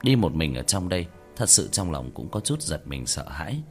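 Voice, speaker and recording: A man narrating a fantasy story in a steady, expressive reading. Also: extremely low pitch, moderate pace, soft background music.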